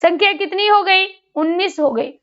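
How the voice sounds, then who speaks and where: A woman's voice: very high-pitched, normal speed, a bit bright, dull audio. A woman teaching grammar in an online exam-prep lesson. She asks a question, answers it, then repeats it, and she sounds out syllables aloud for drilling.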